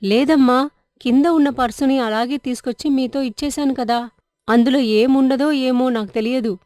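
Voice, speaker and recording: A timid young maid girl, put on by a woman storyteller, pleads in a high, thin cartoon-story voice. The sound is close and dry, with no room around it. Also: fairly even intonation, moderate pace, darkish tone, no echo, natural voice. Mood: pleading.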